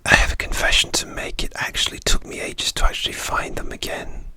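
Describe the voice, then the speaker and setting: A person whispering a gentle ASMR pep talk, confiding and a little hesitant, close to the microphone. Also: brisk. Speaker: ASMR video host.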